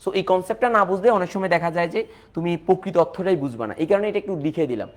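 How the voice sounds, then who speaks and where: A man teaching chemistry in a live online lecture, repeating points, mixing in English terms and urging students to reply quickly. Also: high-pitched. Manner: repetitive, coaxing, mixes English terms into explanations.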